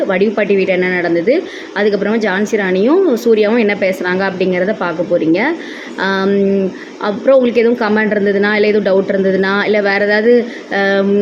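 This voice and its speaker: Quick-talking Tirunelveli Tamil woman host. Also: mid-range voice. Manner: nervous, says she fears the camera. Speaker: channel host. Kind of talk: casual intro to viewers. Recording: dull lo-fi with clear background noise.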